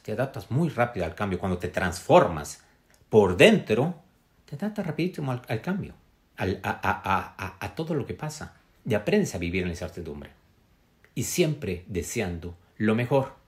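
A middle-aged man earnestly telling a personal story on a live stream, with pauses and "mm?" tags. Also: lowish voice, sing-song.

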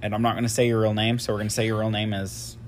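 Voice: mid-range voice, little pitch movement, rapid-fire, slight background noise. A podcast co-host in playful casual chat, teasing and laughing often, speaking from well back from a phone. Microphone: phone held far from the speaker.

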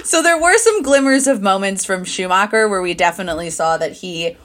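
Brief: young woman, podcast co-host, chatty, giggly, mid pitch. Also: lively intonation, fairly quick, fairly bright tone. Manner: chatty, giggly, playfully exaggerated. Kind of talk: casual chat.

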